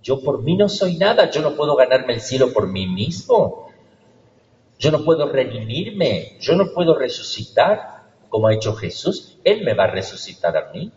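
A man's voice: medium pitch, very animated, a little mellow, a little hiss or hum. Male priest, homily delivery, rhetorical questions; long church echo, distant mic. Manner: preaching with rhetorical questions and slow emphatic lists. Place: large church. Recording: echoey church hall, distant dull mic.

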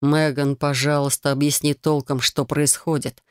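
Lady doing a worried dragon hubby, low soft coaxing voice, dry. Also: steady tone, brisk, no echo. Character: gentle young dragon husband, caring, anxious.

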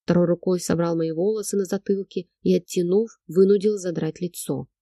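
Woman narrator, audiobook, first person, husky, low voice, dry close sound. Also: fairly even intonation, fairly quick, dark tone, no echo.

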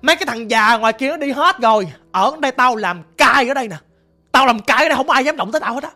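A man's voice: very high-pitched, moderate pace, vocal fry, pushed and bright, soft background music, voice pushed up, heavily acted. A man voicing a vicious male spirit possessing an old grandmother, snarling and cursing threats in a storytelling recording. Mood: menacing.

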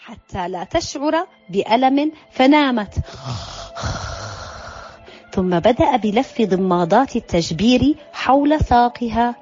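A woman's voice: on the high side, darkish tone. A woman reading a children's storybook aloud expressively, calling out page turns, in a slightly dull recording with faint music.

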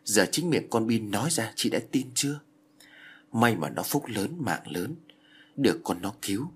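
A pushy, superstitious aunt , voiced by a man, urging and scolding in quick turns. The delivery swings up and down, a little husky. Heard in a narrated audio ghost story. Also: on the low side, animated. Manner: urgent, scolding persuasion.

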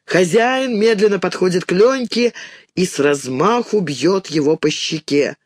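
A man reading a children's story aloud in an expressive, dramatic way. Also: high voice, a little slow, no echo, studio quality. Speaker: audiobook reader. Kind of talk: expressive audiobook narration.

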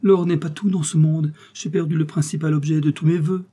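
A broken, remorseful king crying out in despair, his voice rising high and loud with each plea, as a man puts him on. The tone stays dark and husky underneath the anguish, like a storybook monarch who has lost everything. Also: steady tone, a little fast, close to an everyday voice. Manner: anguished, pleading cries. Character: grief-stricken king, older man, remorseful.

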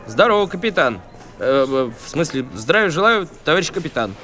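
A man playing a wry, nervous police duty lieutenant in a comic audio drama, deadpan and deferential. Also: on the high side, a little fast, soft background music. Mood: nervous deference.

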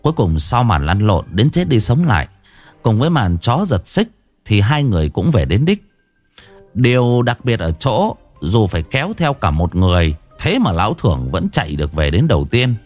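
A man's voice: lowish voice, sing-song, normal speed, darkish tone, soft background music. A man narrating a story in a vivid, colloquial and salty way.

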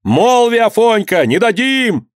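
Man putting on a furious crowd, high-pitched yelling, wild swings. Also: very animated, unhurried, no room sound, studio quality. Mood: shouting. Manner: shouting, raised high. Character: angry crowd of townsmen shouting.

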